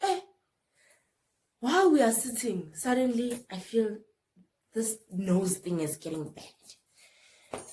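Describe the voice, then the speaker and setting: A young South African woman with a South African accent, telling a personal story to camera in an animated way and mixing in local words. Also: a little high, takes it slowly, pauses often, a little hiss or hum. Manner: animated, mixes in Zulu and Sotho words, swings between loud and hushed. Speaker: vlogger.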